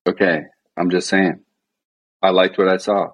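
Deep-voiced deadpan man. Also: a little slow, muffled recording. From Midwest. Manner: monotone, deadpan, many fillers. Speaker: podcast guest. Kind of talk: casual podcast chat.

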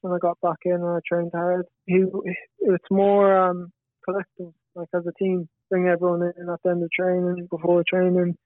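Speaking at a normal speed, this young adult footballer from Galway has a high-pitched, monotone voice with no room sound. As a podcast guest in a casual interview, he offers hesitant, understated replies in his west of Ireland accent, heard over a tinny radio-like line.

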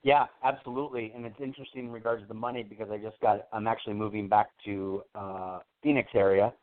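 A man calling in to a radio show, chatting casually over the phone, friendly and pausing on fillers. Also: fairly low pitch, steady tone. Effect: caller's voice over a phone line. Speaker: caller to a psychic radio show. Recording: tinny telephone line.

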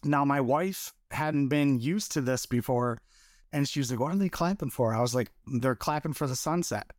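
A man's voice: mid-range voice, moderate pace, dry recording, studio quality. A man from Michigan, a podcast guest, talking casually and hesitantly with many fillers and restarts. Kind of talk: casual interview chat.

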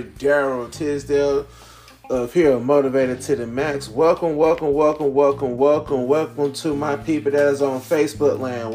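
Man booming out a sing-song host's welcome over music. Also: darkish tone. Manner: high-energy, emphatic, folksy. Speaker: host of a motivational livestream and podcast. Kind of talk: upbeat motivational livestream talk to viewers.

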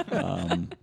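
A man hosting a casual podcast chat, laughing often and tossing in quick asides. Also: very high voice, creaky, a little hiss or hum. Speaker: podcast host.

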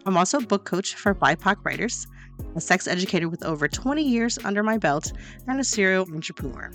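A woman's voice: medium pitch, lively intonation, fairly quick, a bit bright. A woman in her forties from Louisiana, a romance author, giving a confident, sassy self-introduction. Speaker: podcast contributor, romance author. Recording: podcast with faint music underneath.

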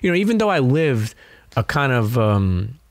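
A man's voice: mid-range voice, sing-song, normal speed, no room sound, studio quality. A middle-aged man with a Brooklyn New York accent, telling stories candidly as an interview guest in a streetwise, profane way peppered with "you know.". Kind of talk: candid conversational storytelling.

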